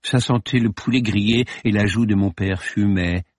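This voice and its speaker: A cold, mocking film director with a low, slightly husky voice, as a male reader puts him on. He talks down to people in clipped, cutting remarks, sneering even when he apologizes. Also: normal speed, no room sound, clean studio sound, close to an everyday voice. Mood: icy mocking. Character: cynical, scornful chain-smoking male film director.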